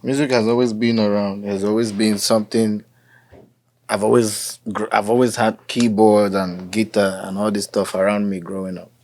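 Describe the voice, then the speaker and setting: Speaking at a moderate pace in a fairly low voice, this young Nigerian man, a musician with a Nigerian accent, is a laid-back interview guest. He drops into Pidgin now and then and uses many "you know"s.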